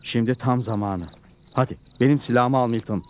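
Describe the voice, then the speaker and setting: An actor playing a calm, assured cartoon cowboy hero with a steady, reassuring manner. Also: male voice, mid-range voice, a little fast, slight background noise, close to an everyday voice. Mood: cool, commanding. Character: calm, confident heroic cowboy lawman. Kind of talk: cartoon dub acting. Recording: music behind the voice.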